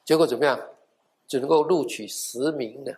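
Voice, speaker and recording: A man preaching a sermon, telling a life story with lively acted-out quotes. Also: medium pitch, moderate pace. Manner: animated storyteller, acting out quoted voices.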